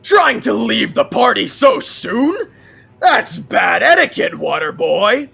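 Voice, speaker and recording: A man voicing a sadistic, hulking male monster who shouts drawn-out, mocking taunts. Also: high voice, very animated, vocal fry, husky, faint music behind, pitched above the performer's own voice, full character voice.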